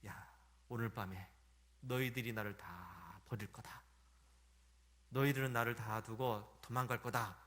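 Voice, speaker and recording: A preacher voicing Jesus, solemn and commanding. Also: male voice, medium pitch, fairly even intonation, a little slow, pauses often, a bit bright, natural voice. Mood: foreboding. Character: Jesus, a male teacher speaking with authority. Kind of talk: sermon retelling with quoted speech.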